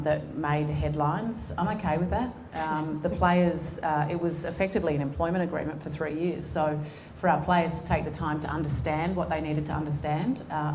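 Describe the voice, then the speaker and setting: A woman's voice: low voice, noisy background. A woman in her forties with an Australian accent, speaking earnestly with many ums and restarts as a guest in an on-stage conversation. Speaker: sports executive and guest speaker. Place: conference room before an audience. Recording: echoey event room.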